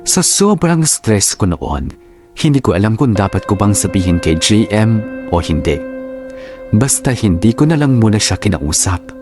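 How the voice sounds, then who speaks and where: A man reads as an older sister recalling her troubles, in a steady, reflective first-person narration. His voice sits a little low, with music clearly playing underneath. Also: moderate pace.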